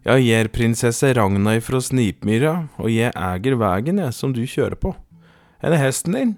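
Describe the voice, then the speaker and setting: A man voicing a bold, quick-tempered young woman who scolds loudly and cheekily. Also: medium pitch, animated, no room sound, close to an everyday voice. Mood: scolding.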